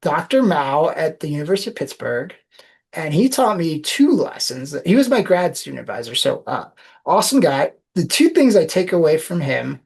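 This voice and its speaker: A woman's voice: on the low side, darkish tone, husky. A woman guest on a podcast, telling reflective anecdotes in a casual interview.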